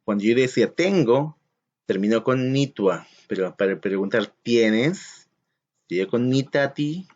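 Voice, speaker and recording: A man's voice: mid-range voice, darkish tone. A man teaching a recorded lesson to children, patiently counting aloud and posing questions to the class. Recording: slightly dull lo-fi audio.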